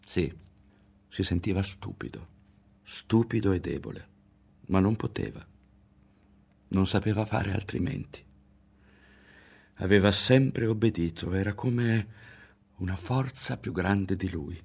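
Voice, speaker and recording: A man with a very deep, low voice and an Italian accent reads a literary novel aloud. His delivery is measured and expressive, with the care of a trained reader. The pace is steady throughout. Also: creaky, breathy edge. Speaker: audiobook narrator. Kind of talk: literary audiobook reading.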